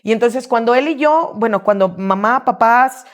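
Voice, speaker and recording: A woman's voice: fairly high pitch, normal speed. A woman, a gymnastics coach and sports mother, telling stories in a casual interview and acting out what she and her son said. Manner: lively, quotes herself and her son.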